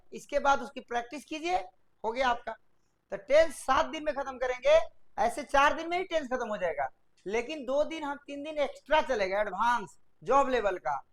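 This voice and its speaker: In a classroom-style video lesson, a woman with a slightly high voice teaches English grammar. She drills students to repeat rules aloud and dictates sentence structures slowly, word by word.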